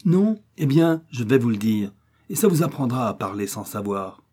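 A man reading aloud and voicing an indignant older peasant woman who speaks out loudly and emphatically in raised tones. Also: animated, moderate pace, husky. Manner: raised pitch, emphatic declaiming.

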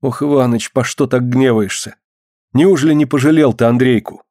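A man reading the part of a grieving boyar's wife in an audiobook, speaking in an archaic, pleading, hushed way. His voice stays close to his own. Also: mid-range voice, normal speed, no room sound, close to an everyday voice. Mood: anxious. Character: grieving guilt-stricken old-Russian boyar's wife, middle-aged woman.

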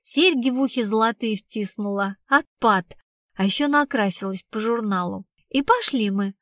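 A woman's voice: fairly high pitch, moderate pace, a bit bright, dry recording, lightly acted. A woman reading the part of a blunt, streetwise young woman who tells her story in slangy, casual speech. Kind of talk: audiobook reading.

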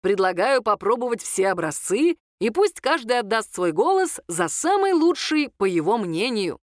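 A woman's voice: a little high, very animated, no room sound, clean studio sound. A woman voicing a cheerful event host announcing a cooking contest, in an audiobook. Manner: bright announcing, slow and emphatic. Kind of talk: audiobook character voice.

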